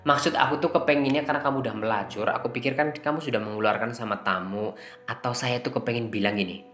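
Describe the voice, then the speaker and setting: A man from Indonesia narrating his own life story as a confession, candid and halting, with many fillers and restarts. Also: mid-range voice, fairly bright tone. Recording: echoey room with music underneath.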